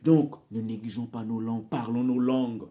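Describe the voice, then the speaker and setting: His intonation fairly even and his speed normal, a Bembe-speaking man from Congo exhorts his viewers in passionate vlog commentary to camera. The voice is warm, dark, and mid-pitched, and he addresses listeners as brothers and sisters, repeating words as he searches for phrasing.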